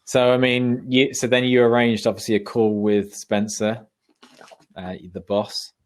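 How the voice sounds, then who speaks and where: A man's voice: medium pitch, flat delivery, unhurried. A man reminiscing casually as a podcast guest, with an informal, matey, sometimes sweary way of talking.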